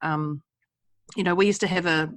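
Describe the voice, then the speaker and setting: A woman's voice: fairly low pitch, steady tone, normal speed. A woman with a New Zealand accent chatting casually as a podcast co-host, giggly, blunt and self-deprecating. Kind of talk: casual chat.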